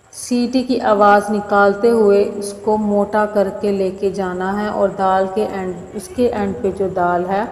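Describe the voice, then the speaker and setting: A woman's voice: medium pitch, darkish tone. A woman teaching a Quran recitation lesson, saying each letter aloud and then explaining how to pronounce it. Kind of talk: step-by-step pronunciation lesson. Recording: echoey room with long reverb.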